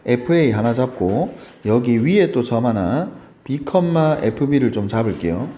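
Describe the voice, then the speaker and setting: A male math teacher explains with a swinging, animated pitch and a mellow, dark tone. He keeps turning to his students to ask whether they follow, chatty and encouraging. His voice rings a little in a roomy space. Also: a little slow. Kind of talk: lively lecture to students. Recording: roomy echo.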